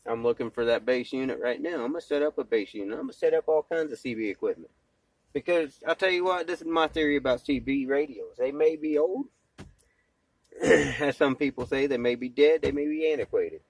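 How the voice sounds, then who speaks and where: A former truck driver who now vlogs as an amateur and tinkers with CB radio talks into his cell phone. His medium-pitched voice moves a little fast, with no room sound, as he rambles along in a plain, folksy, slangy vlog style.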